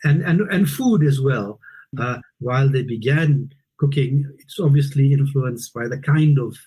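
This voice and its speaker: Husky, halting man. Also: mid-range voice, dark tone, rough recording. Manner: halting, deliberate, often repeating words. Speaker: interview guest explaining history and culture. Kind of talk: unscripted explanatory interview.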